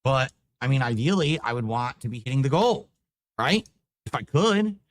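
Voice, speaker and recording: A young man streaming live, chatting casually and getting frustrated and swearing while fixing his stream software. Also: medium pitch, sing-song, moderate pace, no room sound. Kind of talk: casual livestream chat.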